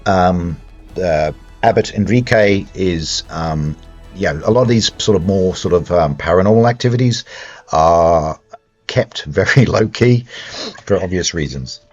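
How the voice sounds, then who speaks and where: A man's voice: low-pitched, lively intonation, unhurried, lo-fi sound, soft background music. A man narrating a tabletop horror game as game master, hesitant and full of restarts and ums.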